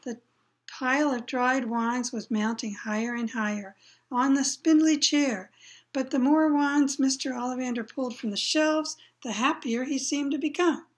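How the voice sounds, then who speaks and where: A woman's voice: high voice, moderate pace. A woman reading a children's novel aloud, plain storytelling with brief asides to listeners. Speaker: reader.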